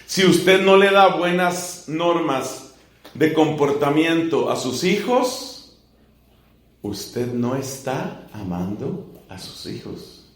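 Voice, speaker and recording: A man preaching as a friar in a teaching sermon, building slow emphatic lists and asking rhetorical questions. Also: on the high side, expressive. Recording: echoey room.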